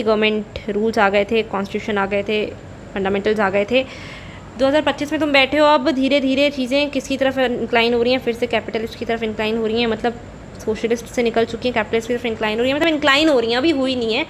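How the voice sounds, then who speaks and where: A woman's voice: fairly high pitch, slight background noise. A woman teacher giving a conversational economics lecture, repeating key points and slipping between Hindi and English.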